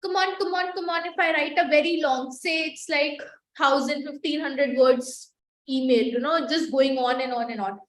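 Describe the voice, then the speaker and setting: A woman's voice: sits high, normal speed. Emphatic woman teaching online. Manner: emphatic and repetitive, coaxing the class to answer in chat. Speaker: communication skills instructor. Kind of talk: live online class. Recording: echoey room with faint noise.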